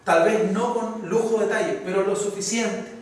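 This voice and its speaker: Man, Chilean accent, pastor preaching a sermon, high voice, booming reverb from far off. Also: moderate pace. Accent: Chilean Spanish. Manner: preaching, rising to loud fervent peaks. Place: church hall. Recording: echoey hall from far off, faint noise.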